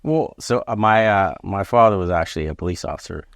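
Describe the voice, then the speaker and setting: A man in his forties from Barbados, a police chief answering interview questions in a measured, halting way with many fillers. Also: sits low, no echo, studio quality. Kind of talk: interview conversation.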